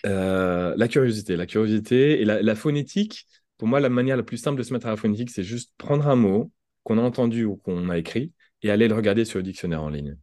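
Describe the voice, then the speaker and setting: Man, French accent, low voice, soft mellow tone, thoughtful, restarts phrases, dry close sound. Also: fast talker, no echo. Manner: thoughtful, explains with examples and restarts. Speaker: podcast guest, language entrepreneur. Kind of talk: conversational interview.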